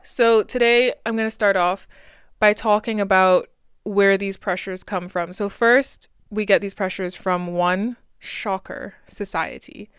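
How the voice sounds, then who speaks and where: Woman in her twenties, podcast host, chatty, self-deprecating, crisp clear voice, dry sound. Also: medium pitch, fairly even intonation, measured pace, fairly bright tone, no room sound. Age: 20s. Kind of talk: solo podcast monologue.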